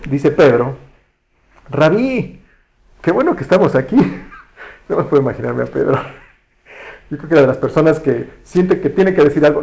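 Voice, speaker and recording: A man preaching a relaxed, conversational sermon, often correcting himself and asking the congregation questions. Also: mid-range voice, creaky, low-quality recording. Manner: relaxed, self-correcting, asks the audience questions.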